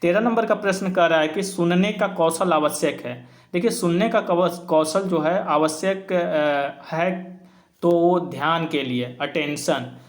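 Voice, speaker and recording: A man with a slightly raised voice talks through exam questions one by one. He explains patiently, weighing each option in a relaxed teaching tone. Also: on the high side, unhurried. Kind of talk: informal exam answer walkthrough.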